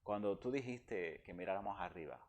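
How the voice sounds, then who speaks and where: Deep-voiced man giving earnest testimony. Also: normal speed, a little mellow. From Dominican Republic. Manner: earnest and heartfelt. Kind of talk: emotional personal testimony.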